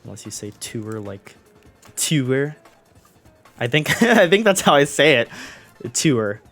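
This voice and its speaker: A man's voice: medium pitch, very animated, normal speed, a bit bright, soft background music. Playful chatty man streaming live. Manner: playful, chatty, laughs often, toys with word sounds. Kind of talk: casual live-stream chat while opening cards.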